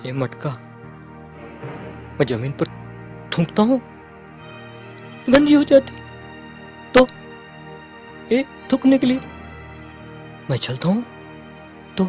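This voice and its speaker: Beaten, starving outcast, played by a man: tearful and fearful, slow halting pleas, voice pitched high. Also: sing-song, soft background music, exaggerated voice. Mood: pleading, broken. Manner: broken, halting and pleading speech. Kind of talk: dramatic movie acting.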